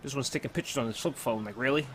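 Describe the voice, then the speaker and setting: A man's voice: medium pitch, rapid-fire, a little hiss or hum. A young man hosting a watch-along, giving casual reaction commentary full of playful, joking asides.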